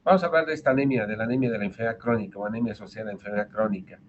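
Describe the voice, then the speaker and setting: A man's voice: lowish voice, very fast. A man with a Bolivian Spanish accent giving an online medical lecture, explaining step by step and often restarting his words. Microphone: video call. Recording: dull lo-fi video call audio with faint noise.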